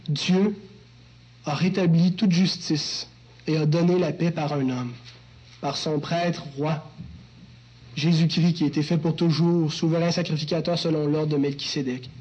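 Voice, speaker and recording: High-voiced man preaching a sermon. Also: steady tone, unhurried, a little mellow, highs cut off. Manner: teacherly, joking asides to the congregation. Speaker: pastor. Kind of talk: expository sermon.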